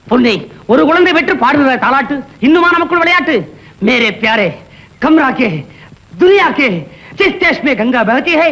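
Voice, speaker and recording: A man's voice: very high voice, bright, forceful tone, exaggerated voice. A pompous comic fake king. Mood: grandiose. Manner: grandiloquent, wheedling, theatrical. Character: pompous comic impostor posing as a royal husband. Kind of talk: 1970s film comedy acting. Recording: dull lo-fi old film soundtrack.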